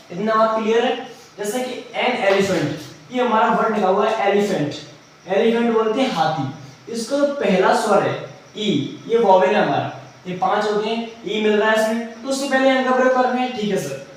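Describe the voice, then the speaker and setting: A male English grammar teacher explaining rules step by step, asking his own questions and answering them. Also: high-pitched. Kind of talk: classroom lesson. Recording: very echoey room, mic far off, faint noise.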